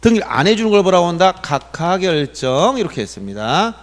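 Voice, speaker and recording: Male lecturer, high pitch, exam-prep law class, quizzes the room and answers himself, emphatic, long hall reverb. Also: sing-song, a little fast. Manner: asks questions and answers them himself, emphatic.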